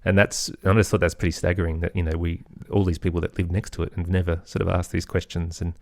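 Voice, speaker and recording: This interview guest, a middle-aged musician and podcaster, has a low, gravelly voice with flat delivery and a quick pace. His earnest, considered answers come across conversationally in studio quality without room sound.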